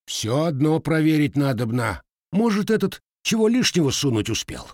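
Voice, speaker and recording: A man voicing a quarrelsome middle-aged peasant who talks in a shrill, demanding, whining way. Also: very animated, slow pace, no echo, clean studio sound, exaggerated voice.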